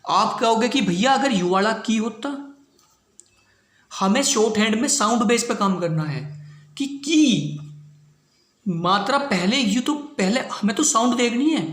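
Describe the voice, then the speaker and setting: High-voiced man teaching shorthand, echoey room. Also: lively intonation, measured pace, pauses often, a bit bright. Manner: repetitive, checks understanding with "clear hui bhaiya baat". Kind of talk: classroom lesson.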